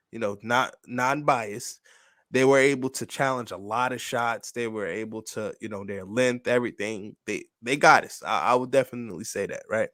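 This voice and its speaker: A man's voice: medium pitch, a bit bright, no room sound, studio quality. A man with a New York accent co-hosting a casual sports podcast, emphatic and slangy, often asking "you know what I'm saying". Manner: emphatic, slangy, repeats filler phrases.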